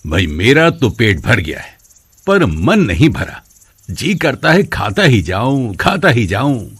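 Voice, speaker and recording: A man's voice: mid-range voice, big pitch swings, slow pace, fairly bright tone, breathy edge, no echo, full character voice. A man voicing a loving widowed father who works in a factory, in a cartoon, talking affectionately to his daughter.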